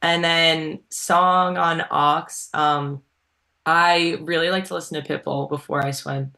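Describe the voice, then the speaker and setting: This college swimmer, a young adult from Long Island, New York, speaks with a faint Long Island accent and fills her casual interview answers with ums and likes. Her low voice is fairly even and a little slow, with vocal fry and a sharp tone.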